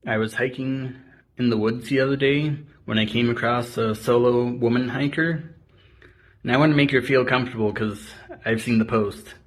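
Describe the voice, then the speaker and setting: A man hosting a comedy short, delivering dark one-liners in a dry, deadpan way. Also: medium pitch, no echo. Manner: dry one-liners, rapid topic jumps.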